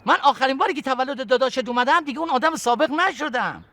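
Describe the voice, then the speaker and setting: An actor playing a sarcastic, bossy father who mocks his daughter's fiancé with swings between loud and soft. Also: very high voice, dry recording, full character voice. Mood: scornful. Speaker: father in a comedy series.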